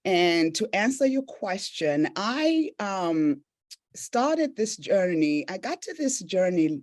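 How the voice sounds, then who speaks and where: Speaking slowly in a sing-song, mid-range voice that's a little mellow, this East African woman from Tanzania and Zambia shares her own story on a podcast. She's a business owner and coach, and she comes across as earnest and reflective, frequently adding "right?"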